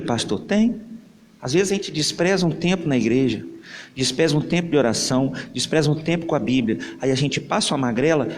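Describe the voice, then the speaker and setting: A man preaching a sermon as pastor, telling a story with dramatic acted-out family dialogue. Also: on the high side. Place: church hall. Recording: church hall with long reverb, faint noise.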